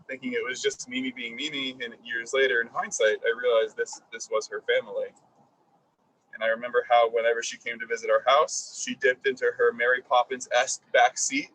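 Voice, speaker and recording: A man giving a reflective, halting eulogy at a graveside service. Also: mid-range voice, fairly bright tone, recorded from a distance, low-quality recording. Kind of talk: eulogy speech. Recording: husky voice picked up from afar.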